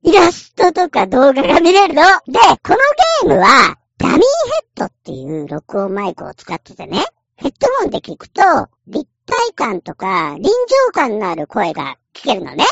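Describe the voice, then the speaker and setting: A woman's voice: on the high side, wildly swooping pitch, moderate pace, creaky, no room sound, highs cut off. A woman casually explaining a game in a chatty, playful way, acting out little quotes as she goes.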